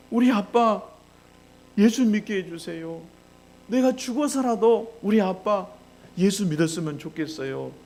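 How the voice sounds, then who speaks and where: A male pastor voicing an insistent young boy who keeps pleading with his father, in a gravelly voice. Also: high-pitched, a little mellow, pitched above the performer's own voice. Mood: praying.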